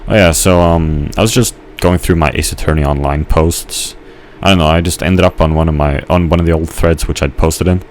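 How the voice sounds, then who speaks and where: A man's voice: a bass voice, fairly even intonation, a little fast, hardly any pauses, a little hiss or hum. A man casually rambling while playing a game, hesitant, with many fillers and restarts. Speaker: gamer narrating his gameplay.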